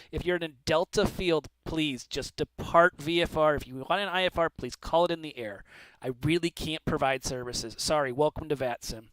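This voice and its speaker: On a flight-simulation network, a man acting as an air traffic controller issues clipped, procedural radio instructions and signs off courteously. His voice is slightly high, bright and smooth, captured in a dry recording of poor audio quality.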